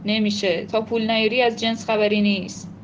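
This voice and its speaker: A woman's voice: mid-range voice, level tone, muffled recording, a little hiss or hum, natural voice. A woman voicing a blunt, grumbling grown man who refuses credit before giving in. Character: gruff grown man, a stingy neighborhood dealer.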